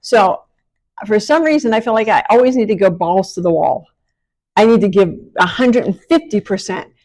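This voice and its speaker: Casting: middle-aged American woman, candid motivational podcaster, medium pitch, soft W-like R's and imperfect S's, frank and colloquial. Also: lively intonation, moderate pace. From small-town Pennsylvania, United States. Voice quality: speech impediment on R and S sounds, r leaning toward w. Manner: self-deprecating, colloquial, frank. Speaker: podcast host and women's empowerment coach.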